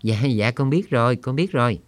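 A man's voice: medium pitch, normal speed, dry recording, natural voice. A man reading an audiobook voices a young male prisoner who speaks with eager, pleading politeness to an old mother.

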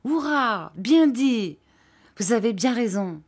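A woman reading aloud, voicing an eager young fisherman who cheers and laughs in a raised, excited voice. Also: measured pace. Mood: enthusiastic. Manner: enthusiastic, high and cheering.

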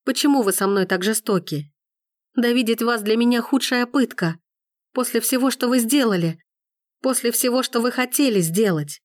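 A woman's voice: on the high side, moderate pace, no room sound, studio quality, pitched above the performer's own voice, close to an everyday voice. A woman voicing a furious, hurt young woman who pleads near tears. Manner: impassioned, rising, near tears.

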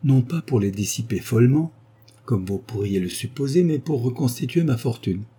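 A man voicing an old indebted baron who speaks calmly and suavely, with irony, in an audiobook. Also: mid-range voice, moderate pace, husky, voice pushed up. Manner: calm, suave, ironic. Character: old smooth-talking indebted male baron.

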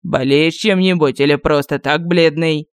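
A woman's voice: sits low, fairly even intonation, normal speed, clean tone, no room sound, studio quality, close to an everyday voice. A woman voicing rude, irritable male vampires in a humorous fantasy audiobook, speaking brusquely and driving a stranger away. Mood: hostile. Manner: brusque, shouting people away.

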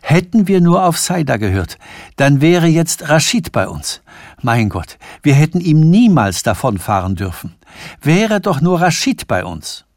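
A man's voice: a little high, animated, moderate pace, slightly rough, no echo, studio quality, voice pushed up. A man voicing a fearful, stammering middle-aged factory heir in a radio reading of a novella. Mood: panicked.

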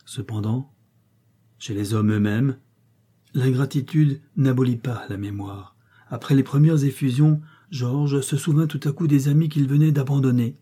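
A husky male narrator reads a classic adventure novel in a measured, dramatic style. His tone is dark and relaxed. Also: mid-range voice. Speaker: audiobook narrator.

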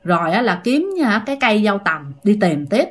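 A woman's voice: mid-range voice, sing-song, fairly quick, slightly rough. A woman with a Southern Vietnamese accent telling a ghost story in a casual, chatty way, talking straight to her listeners. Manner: chatty, addresses listeners directly.

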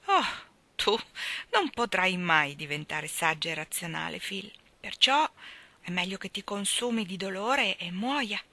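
A woman reading aloud, voicing a gentle, thoughtful young woman student who talks calmly and teases softly. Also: medium pitch, unhurried, heavily acted.

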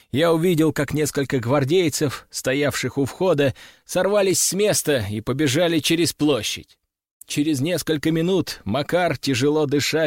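A man reading a first-person novel aloud as an audiobook narrator, in an even, matter-of-fact storytelling manner. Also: on the high side, no room sound, clean studio sound.

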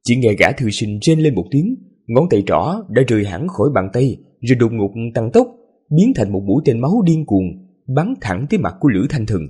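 A man with a hoarse voice narrating a serialized story as the channel host, in a relaxed, chatty way. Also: mid-range voice, moderate pace. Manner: relaxed, chatty asides with fillers.

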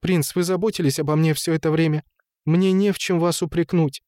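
A man's voice: a little high, steady tone, fairly quick, dark tone, dry recording, studio quality, pitched above the performer's own voice, lightly acted. Rapunzel, a man doing a weak ailing young woman. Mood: suffering.

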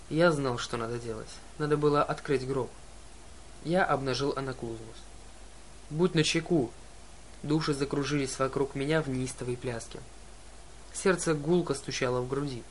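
A man's voice: mid-range voice, a little hiss or hum. Man narrating a story in first person. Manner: reads the story in first person and voices every character himself. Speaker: audiobook narrator. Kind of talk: scripted narration.

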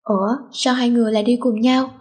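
A woman voicing a hot-tempered teenage girl who shouts and bosses others around in a storybook reading. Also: on the high side, flat delivery, fast, slightly rough. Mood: blunt. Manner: shouting, bossy.

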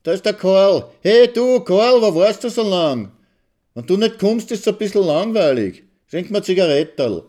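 A man reading a story aloud and voicing a young woman with a squeaky, melodic voice who speaks stubbornly. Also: normal speed, warm tone, lightly acted. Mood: eager. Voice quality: squeaky high voice.

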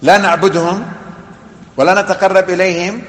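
A man's voice: sits high, fairly even intonation, moderate pace, fairly bright tone. A man teaching a religious lesson, explaining a text with emphatic, repeated phrases and long lists. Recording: echoey hall.

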